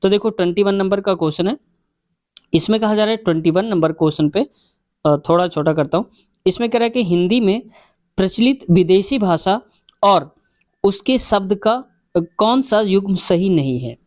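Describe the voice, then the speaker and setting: A man's voice: high-pitched, animated, normal speed, long pauses, darkish tone, no room sound, clean studio sound. A male teacher, going through exam questions one by one and explaining the answers. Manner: explanatory, repeats question numbers.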